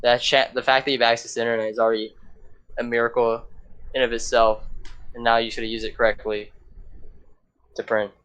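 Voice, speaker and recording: A man's voice: medium pitch, level tone, fairly quick, long pauses, a bit bright, smooth, dull audio. A teenage man on a podcast chatting casually, hyped up and slangy, saying bro and dude a lot. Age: teens. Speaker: podcast co-host.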